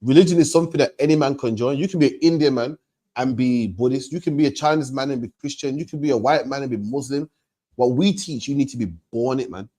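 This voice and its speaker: With a mid-range, darkish voice, a man teaches a questioner about faith in a street-preaching exchange. As a religious teacher, he speaks emphatically, keeps repeating himself, and closes lines with "man."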